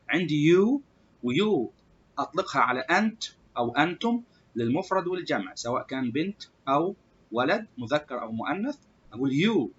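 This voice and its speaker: A man with an Egyptian Arabic accent teaching a beginner English lesson, repeating example words slowly and loudly for practice. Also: medium pitch, breathy edge, muffled recording.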